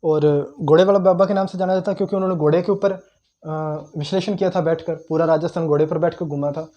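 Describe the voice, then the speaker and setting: A young man teaches history in a relaxed, conversational way. His voice sits a little high but has a mellow, warm tone. He repeats key names for emphasis and often stops with "uh" while he searches his memory. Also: dull audio. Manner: conversational, repeats key terms, frequent "uh" pauses while recalling. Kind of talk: informal history lecture.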